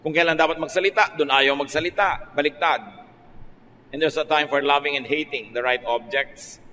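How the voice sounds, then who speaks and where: A Filipino pastor with a slightly high voice delivers a radio sermon at normal speed in a reverberant hall. His preaching is conversational, switching between Filipino and English with lively rises in pitch. The recording carries faint noise and a long reverb.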